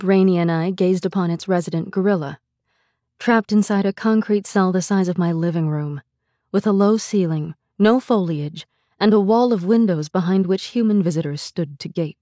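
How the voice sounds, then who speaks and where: A woman reads her memoir aloud in a calm, reflective way, like a mother recalling her family. Her voice sits on the lower side for a woman. The sound is close and dry, with no room echo. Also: normal speed. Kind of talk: audiobook memoir narration.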